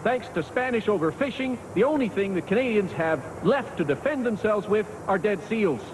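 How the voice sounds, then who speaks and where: A man's voice: sits high, lively intonation, moderate pace, background noise. A man doing a sketch comedy impression of an indignant politician, speaking in an emphatic, speechifying way. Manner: emphatic, declamatory. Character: indignant, oratorical male government politician.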